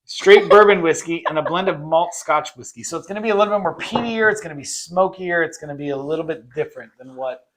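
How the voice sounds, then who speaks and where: Low-voiced woman in casual chat. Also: quick pace, noisy background. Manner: casual, joking, reads whiskey labels aloud. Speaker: co-host.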